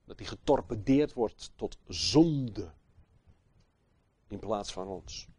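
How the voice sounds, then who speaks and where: This sermon comes from a man whose lowish, slightly rough voice stays animated throughout. He shifts from quiet, measured phrases to loud, insistent bursts and keeps asking his listeners rhetorical questions.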